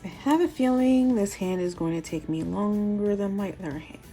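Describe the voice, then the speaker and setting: A woman's voice: mid-range voice, normal speed, mellow, soft background music. A woman with a New York accent hosting a nail art tutorial, talking through each step with chatty, self-deprecating asides.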